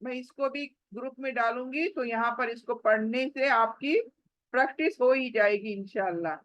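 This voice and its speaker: Woman, recitation teacher: high voice, very dry recording, stretches each example slowly before explaining. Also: a bit bright, no room sound, rough recording. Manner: slow drawn-out recitation of examples, then brisk explanation. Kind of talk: online tajweed lesson.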